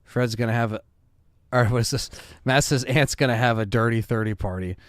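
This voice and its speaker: A man's voice: mid-range voice, fairly even intonation, brisk, no echo, studio quality. A man in his thirties hosting a live stream, chatting casually and reading viewer comments with loose fillers. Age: 30s.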